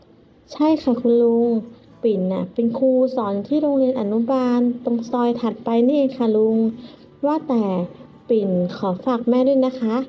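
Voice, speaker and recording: A woman's voice: on the high side, moderate pace, close to an everyday voice. A woman voicing a cheerful, talkative young kindergarten teacher who speaks politely, in a dull lo-fi recording. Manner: bright, chatty and polite. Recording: dull lo-fi with music.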